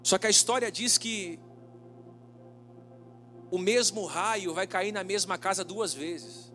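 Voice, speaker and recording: A male pastor preaching a sermon, telling a story dramatically and slowing down for emphasis. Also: sits high, a bit bright.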